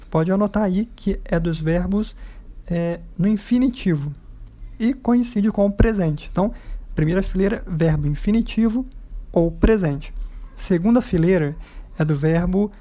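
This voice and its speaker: Brazilian-accented English teacher, mellow tone, patient step-by-step explainer for a recorded lesson. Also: medium pitch. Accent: Brazilian Portuguese. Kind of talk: recorded lesson, correcting exercises.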